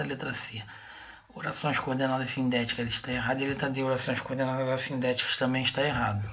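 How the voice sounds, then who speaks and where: Gravelly Brazilian man teaching grammar. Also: mid-range voice, a bit bright, highs cut off. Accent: Brazilian Portuguese. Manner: explains step by step, with frequent check-ins. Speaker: Portuguese teacher. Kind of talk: online exam-prep lesson.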